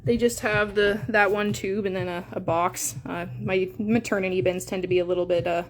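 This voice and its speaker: A young Canadian-accented woman who breeds hamsters chats in a casual live stream, full of fillers and cooing sounds. Her mid-range voice has fairly even intonation and a normal pace, with slight background noise.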